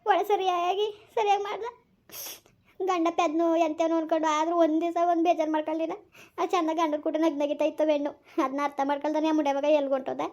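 A woman acts out a distraught older village mother, lamenting and scolding in a high, quick voice. She wails over her troubles and snaps at those around her. It plays as a homemade village family drama. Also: level tone, darkish tone. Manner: wailing, scolding, rapid rural speech.

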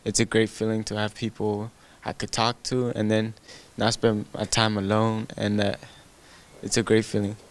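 A man's voice: fairly low pitch, completely flat delivery, normal speed. A teenage boy from Thailand, a youth soccer player, speaking heartfeltly and often saying "like", into a handheld microphone indoors. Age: teens. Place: indoor room.

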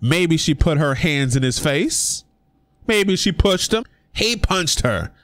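A man's voice: a little high, expressive, slow, a bit bright, no echo. A young man talking casually on his own vlog, giving his opinion with emphatic rhetorical questions. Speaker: sports commentary vlogger. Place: indoor room.

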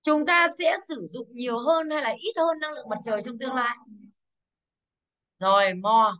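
A woman's voice: high-pitched, expressive, moderate pace, bright, forceful tone. A woman teaching English to a class, quizzing pupils and drilling pronunciation. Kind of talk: classroom lesson.

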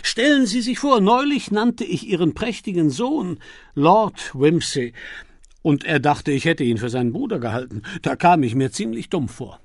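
A man's voice: on the high side, sing-song, normal speed, dry recording, studio quality, pitched above the performer's own voice. A man voicing a self-assured, talkative American businessman with an effusive, chatty manner. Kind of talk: audiobook character voice.

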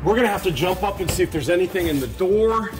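Man, thirties, eager and joking, slightly high voice, music underneath. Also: lively intonation, fast talker. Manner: eager, joking, talks while working with his hands. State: sweating. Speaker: vlog host. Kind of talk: excited casual chat while unboxing. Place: large metal storage unit, indoors.

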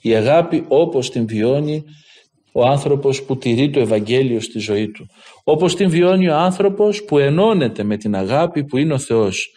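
A man's voice: medium pitch, lively intonation, warm tone. A man, a Greek Orthodox priest, giving a sermon that retells stories and raises his voice for quoted speech. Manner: retells anecdotes, lifting his voice for quoted lines. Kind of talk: sermon with storytelling.

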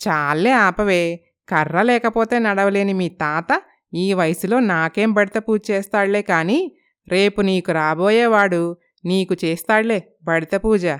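A woman voicing a sharp-tongued, playful old grandmother in a storybook, scolding and teasing. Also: medium pitch, unhurried, smooth, natural voice. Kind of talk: storybook narration.

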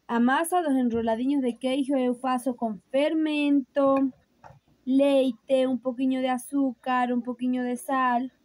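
Young woman, high voice, unhurried, chatty vlog narration, phone camera at home. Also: steady tone, darkish tone, no room sound, low-quality recording. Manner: chatty, slow and explanatory, addresses viewers directly. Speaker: vlogger. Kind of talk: casual show-and-tell narration. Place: rural mountain home, garden and kitchen. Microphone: phone camera held by speaker.

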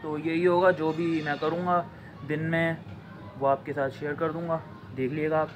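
A young man vlogging casually to the camera on a home rooftop. He talks slowly and draws things out, stumbling over his words. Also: fairly high pitch, level tone. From Pakistan. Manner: slow, drawn-out talk that stumbles over words. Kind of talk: casual vlog talk to camera. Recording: noisy outdoor background.

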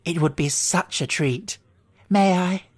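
A reader voicing a gentle, dithering storybook queen with a dainty, cooing manner. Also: mid-range voice, takes it slowly, big-room sound. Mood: sweetly eager.

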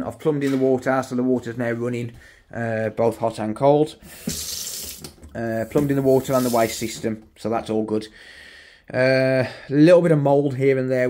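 This middle-aged man speaks with a West Midlands English accent at a medium pitch. An electronics repair YouTuber, he gives a chatty, rambling walkthrough vlog of a house being renovated, inside and in the garden, holding his phone camera as he goes and self-correcting with many fillers.

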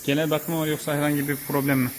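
Chatty man hosting a flat-toned workshop tour. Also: a little high, quick pace, background noise. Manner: chatty, with frequent hesitation fillers. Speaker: host touring a car repair shop. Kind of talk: casual vlog interview. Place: car repair workshop.

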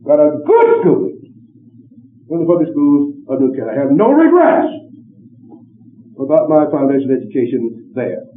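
A man's voice: mid-range voice, moderate pace, long pauses, faint music behind. A middle-aged man from western Pennsylvania giving a folksy personal lecture, telling stories with joking asides. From western Pennsylvania, USA. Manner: animated storytelling with joking asides. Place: lecture room with an audience. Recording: tinny, echoey old archival tape from far off.

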